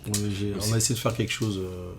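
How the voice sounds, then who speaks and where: A man's voice: fairly low pitch, steady tone, fast talker, faint music behind. A man in his thirties from Martinique, a guest tattoo artist talking casually, with many fillers and restarts. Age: 30s. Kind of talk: casual interview chat.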